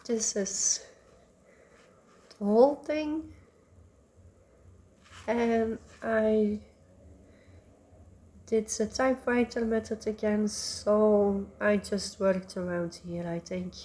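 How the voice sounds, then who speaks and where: Slow, rambling woman. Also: mid-range voice, steady tone. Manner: rambling, many ums, soft asides. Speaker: cross-stitch vlogger. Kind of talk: casual show-and-tell chat.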